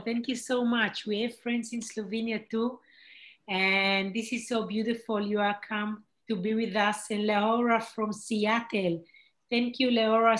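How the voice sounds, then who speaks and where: Female host, fairly high voice, earnest manner, non-native English. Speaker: host of spiritual group meeting. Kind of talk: casual group talk.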